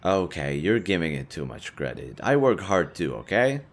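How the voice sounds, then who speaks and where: A man acts as an easygoing young half-demon adventurer in an intimate audio roleplay, casually addressing his best friend. His low voice has a sing-song lilt and moves at a moderate pace. He stays relaxed and teasing, chatting informally.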